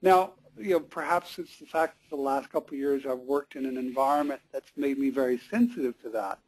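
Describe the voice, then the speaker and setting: A man hosting an interview, speaking in a measured way and thinking aloud as he answers. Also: medium pitch, a little mellow, low-quality recording. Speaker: interview host. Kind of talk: casual interview chat.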